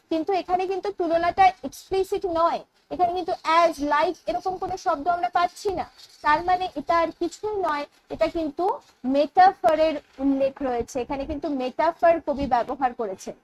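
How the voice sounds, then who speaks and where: A woman with a Bengali accent teaching an English poetry lesson online, explaining in Bengali mixed with English terms and reading the poem's lines slowly. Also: very high voice, a little hiss or hum, rough recording. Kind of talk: online exam-prep lecture.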